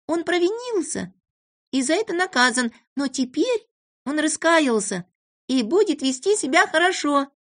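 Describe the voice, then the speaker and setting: Reader doing a tender little girl, high and soft, soothing, storybook. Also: sing-song, measured pace, heavily acted. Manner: soothing, pitying.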